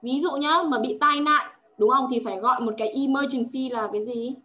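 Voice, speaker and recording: Lady tutoring, kinda high voice, patient, keeps asking got it?. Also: steady tone, brisk, pushed and bright. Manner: patient, drills words with frequent check questions. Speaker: English tutor. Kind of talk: one-on-one language lesson.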